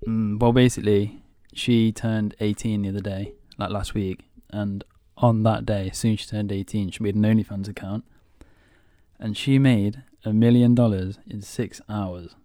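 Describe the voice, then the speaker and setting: A man's voice: lowish voice, steady tone, moderate pace, dark tone, no room sound, clean studio sound. A young man co-hosting a casual podcast, teasing and slangy, laughing often. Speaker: podcast co-host. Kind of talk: casual chat.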